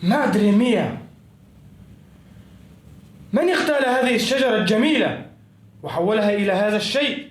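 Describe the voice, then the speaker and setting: A man's voice: high-pitched, lively intonation, normal speed, pauses often. A man playing a grandiose, self-styled Andalusian craftsman and poet who speaks in lofty formal phrases with Spanish greetings. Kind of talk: comedy sketch acting. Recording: echoey room, voice from off-mic.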